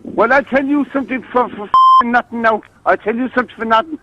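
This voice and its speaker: A man with a Cork, Ireland accent, the victim of a prank call, argues bluntly and indignantly on the phone, swearing plenty. His voice is extremely high-pitched and quick. The phone line sounds muffled and band-limited.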